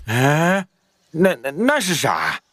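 Wildly swooping, fretful cartoon bear. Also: male voice, a little high, wildly swooping pitch, slow pace, very noisy, full character voice. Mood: alarmed. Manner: plaintive, stammering, folksy. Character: dim, fretful, simple-hearted male bear. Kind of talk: animated children's cartoon acting.

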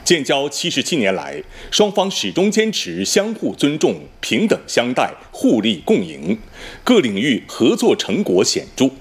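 A man reading scripted television news as an anchor in standard mainland Mandarin, in a formal, measured way with precise enunciation. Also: on the high side, huge pitch swings, creaky.

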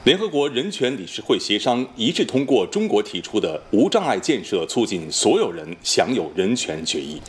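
A man anchors a formal newscast in standard mainland Chinese Mandarin. His voice sits slightly low and moves through a very lively pitch range. The delivery is measured and scripted, like a professional announcer. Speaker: television news anchor. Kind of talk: formal scripted news reading.

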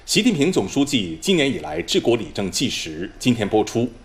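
A man reading scripted news as a formal Chinese news anchor, solemn and measured, in precisely enunciated standard mainland Mandarin. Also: medium pitch, sing-song, creaky.

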